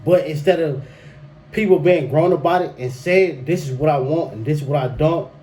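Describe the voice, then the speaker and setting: A young man hosts a solo podcast giving relationship advice, speaking loosely, repetitively, and emphatically with frequent restarts and slang like "bruh." His voice is a little high and dark in tone at a moderate pace, on a rough recording with faint background noise.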